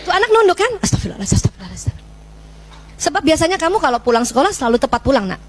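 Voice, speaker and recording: There's slight background noise as a middle-aged woman with a very high, rapid-fire voice addresses mothers as "Bu" in a spirited Islamic parenting talk. Animated throughout, this parenting speaker narrates and plays out exchanges with her child.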